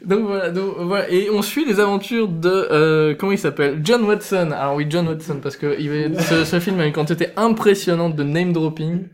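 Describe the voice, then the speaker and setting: A man's voice: high voice, normal speed, few pauses. A man with a slightly raised voice sums up a film for friends, throwing in jokes and stumbling over his words with many fillers. The tone is loose and casual, like a chat between regulars. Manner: joking, hesitant, many fillers. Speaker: film reviewer on a panel.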